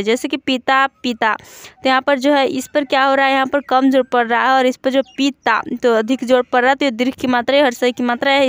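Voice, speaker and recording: A woman Hindi teacher gives an online exam-prep lesson in a high, resonant voice. She explains step by step, reading out lists of example words with many fillers. The sound is close and dry. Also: smooth, no room sound.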